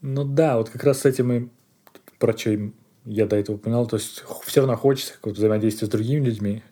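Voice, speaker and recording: A man's voice: on the low side, mellow. A man co-hosting a podcast, chatting in a rambling way, searching for words and laughing often. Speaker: podcast co-host. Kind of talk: casual podcast chat.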